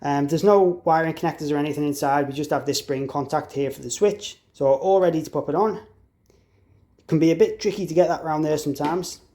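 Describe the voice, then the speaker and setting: A man with a slightly higher-than-average voice and a warm tone walks through a hands-on intercom installation tutorial. He speaks fairly quickly in an informal, practical way, like an installer showing off the product.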